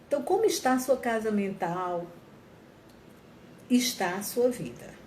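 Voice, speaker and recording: A woman's voice: medium pitch, lively intonation, a little slow, darkish tone. A woman giving an earnest reflective talk on mental health to viewers, often repeating and rephrasing herself. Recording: echoey room, faint ambient noise.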